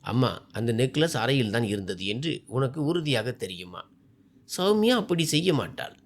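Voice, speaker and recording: A man reading as a calm, quietly confident blind husband. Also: moderate pace. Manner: calm, low, steady.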